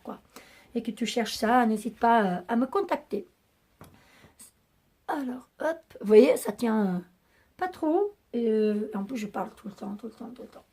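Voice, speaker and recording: Brief: woman vlogger, raspy and a bit hoarse, slightly high voice, rambling casual chat. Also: darkish tone. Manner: rambling and chatty, many hesitations. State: losing her voice. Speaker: beauty vlogger.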